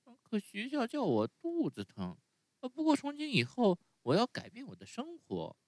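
A man voicing an eager, excitable wooden puppet boy in a high squeaky voice, often starting with a hesitant "uh". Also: moderate pace, dry recording, heavily acted. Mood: pleading. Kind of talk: bedtime story reading.

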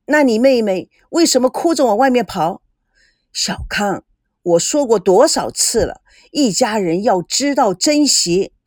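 A woman voicing a stern, weary middle-aged father who runs a company, speaking gravely in a storybook reading. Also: on the high side, animated, unhurried, darkish tone, no echo, studio quality. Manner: serious and weary.

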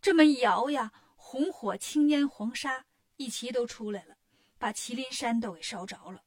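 Woman storyteller, high voice, sing-song, expressive children's narration. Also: moderate pace.

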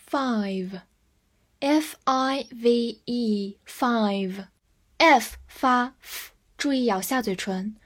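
A young woman teaching English vocabulary, speaking clearly and spelling words out letter by letter. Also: a little high. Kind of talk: vocabulary lesson.

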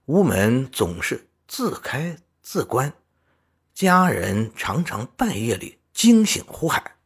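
Man, storybook narrator, husky breathy voice, slow pace, expressive. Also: mid-range voice. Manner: measured, expressive classical-tale reading.

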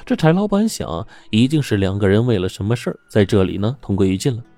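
A man narrating a serialized story in a steady, dramatic storytelling manner. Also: on the low side, fast, no room sound, soft background music.

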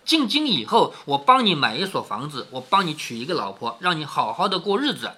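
A middle-aged man reads a classic story to his daughter, stopping often to explain it in plain words. His voice is bright and his pitch moves a lot. He keeps asking whether she follows him. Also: brisk, husky. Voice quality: lively, questioning tone with frequent tag questions. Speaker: father reading a classic novel to his daughter.

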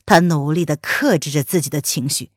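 A woman narrating a palace romance novel as an audiobook, in an expressive storytelling manner. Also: deep voice, fairly quick, husky, no echo, clean studio sound.

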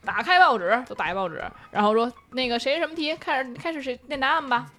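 A young woman, chatting casually and telling animated stories. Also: sits high, fast. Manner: animated storytelling, bursts of laughter. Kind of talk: casual chat.

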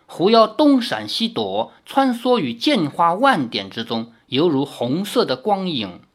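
A woman narrating a martial arts novel aloud in an expressive storytelling manner. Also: lowish voice, unhurried. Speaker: audiobook narrator.

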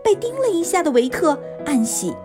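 A woman narrating a scripted children's story in an expressive storytelling manner, as if for young listeners. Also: high-pitched, moderate pace, music in the background.

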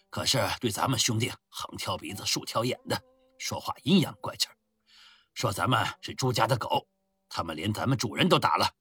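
Man putting on a gruff booming officer, muffled, low, grumbling, husky. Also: bright, forceful tone, no room sound, full character voice. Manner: grumbling, resentful.

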